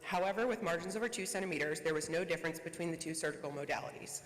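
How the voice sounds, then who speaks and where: A researcher giving a conference presentation and reading quickly from a prepared script. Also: medium pitch, fairly bright tone. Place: conference hall. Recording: echoey conference hall reverb.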